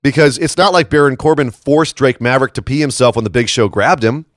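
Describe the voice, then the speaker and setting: Here a podcast host talks wrestling casually, his mid-range voice froggy and slightly hoarse from a tired morning after a late shift. He's brisk and emphatic, often tossing in tag questions. The recording is dry, with no echo and little sense of the room.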